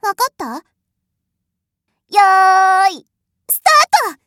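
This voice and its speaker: A woman's voice: high voice, big pitch swings, measured pace, fairly bright tone, no echo, studio quality, full character voice. A woman voicing a haughty, spoiled rich young lady who is bossy, cruel and scornful, in an audio drama. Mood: mocking. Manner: imperious, scornful, mocking. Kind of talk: adult audio drama role-play.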